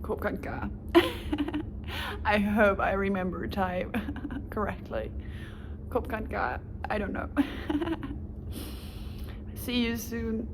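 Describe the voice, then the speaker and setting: This volunteer applicant, a German native speaker with an accent to match, has a mid-range, sing-song voice and takes her time, pausing often. Her casual introduction rambles along with restarts and light laughter, and background noise is audible.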